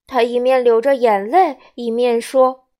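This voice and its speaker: A woman storyteller reading a children's storybook aloud in a gentle, expressive way, with soft music behind. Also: on the high side, unhurried.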